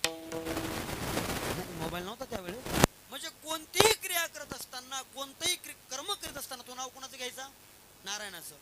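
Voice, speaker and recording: A man preaching a kirtan sermon, telling a devotional story in a lively way, asking the audience questions and sometimes singing verses. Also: very high voice, moderate pace, long pauses, over loud music. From Maharashtra. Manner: breaks into sung verses.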